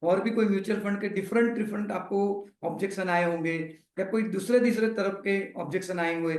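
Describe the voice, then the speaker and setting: A man with a high voice hosts an online sales training session. He praises his guest and asks him for more stories. The sound has a roomy echo.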